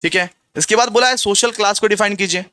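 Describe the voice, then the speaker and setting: A high-pitched man giving a commerce exam revision lecture in a bright, dry-sounding voice. He repeats each point several times and poses rhetorical questions to the class before answering them. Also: quick pace, smooth, no room sound. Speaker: commerce tutor.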